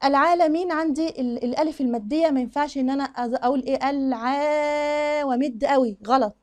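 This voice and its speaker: A woman with an Egyptian Arabic accent teaching Quran recitation, demonstrating right and wrong pronunciations and reciting the examples slowly. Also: high-pitched, a little mellow. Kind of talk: tajweed lesson with slow recited examples.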